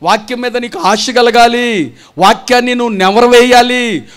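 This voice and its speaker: A man's voice: very high voice, moderate pace, a bit bright, clear, resonant tone. A man preaching a gospel sermon, scolding the congregation with rhetorical questions and mocking imitations of churchgoers. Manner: acts out churchgoers' voices mockingly. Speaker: pastor. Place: church gathering.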